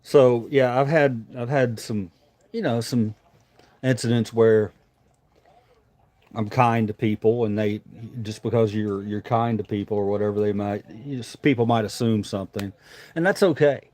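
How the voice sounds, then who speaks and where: A man's voice: on the low side, normal speed, a little mellow. Rambling man with a lip full of dip. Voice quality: talks around a dip of tobacco in his lip. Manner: rambling, informal, sweary. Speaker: livestream host. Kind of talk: casual livestream chat.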